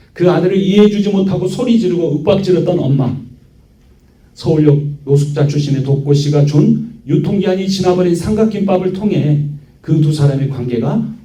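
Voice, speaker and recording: A man's voice: fairly high pitch, dark tone. A male pastor preaching a sermon, often lifting into a raised, emphatic delivery. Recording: echoey church hall, from a distance.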